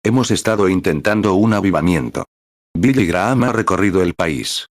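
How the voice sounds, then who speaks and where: A man preaching a sermon in an earnest way, full of rhetorical questions and a measured delivery. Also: deep voice, lively intonation, no echo, clean studio sound. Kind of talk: sermon read in translation.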